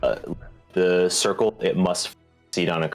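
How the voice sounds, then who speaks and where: A man playing a tabletop game over a call, explaining in a halting, hesitant way while his corrupted, glitchy audio keeps dropping out. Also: low voice, faint music behind. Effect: corrupted glitchy audio with dropouts. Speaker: player.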